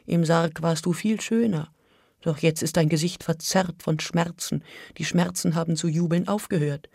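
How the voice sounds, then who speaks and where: A voice of ordinary middle pitch reads a literary text with measured intensity. It sinks into near-whispers and then swells into urgent passages. The recording is dry and close, with no room echo. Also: fairly even intonation, vocal fry, breathy edge. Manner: measured and intense, dropping to a hush and rising to urgent outbursts. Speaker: reader. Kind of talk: literary reading.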